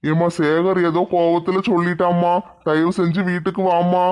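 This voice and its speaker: A man playing a gentle, kindly father-in-law who pleads with his daughter-in-law to come home. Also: sits high, flat delivery, moderate pace, clear, resonant tone, lightly acted. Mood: pleading. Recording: dull lo-fi sound.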